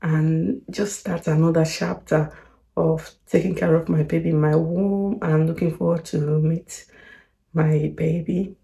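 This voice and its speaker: A woman's voice: sits low, vocal fry, dark tone. A young woman just out of bed with a morning voice, talking candidly to her camera at home in a worried but hopeful way. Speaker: vlogger. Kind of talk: casual vlog to camera.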